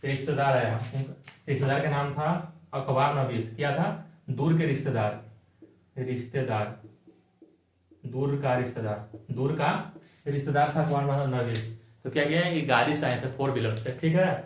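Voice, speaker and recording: A man's voice: mid-range voice, moderate pace. A man explaining a chapter for exams, colloquial and repetitive, asking and answering his own questions. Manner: colloquial, repeats key points, asks and answers own questions. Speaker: teacher. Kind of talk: exam-focused chapter explanation. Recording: echoey room.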